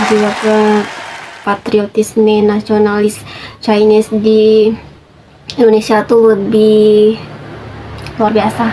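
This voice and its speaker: Casual female reaction host, chatty, slightly high voice, faint background noise. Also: low-quality recording. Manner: chatty, relaxed, with quick interjections.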